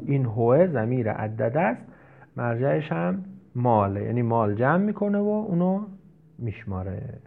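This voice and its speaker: A man giving a grammar lesson, working through examples step by step and throwing out questions he answers himself. His pitch rises and falls a lot as he talks. The sound is thin and tinny, like a phone line. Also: creaky. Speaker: Arabic grammar teacher.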